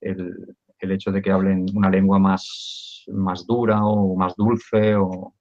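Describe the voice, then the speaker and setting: A man with a fairly low voice moderates a live talk and passes on audience questions. He pauses to search for his words, and the sound is dull and lo-fi. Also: level tone, darkish tone. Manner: hesitant, searching for words with fillers. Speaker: interviewer reading viewer questions.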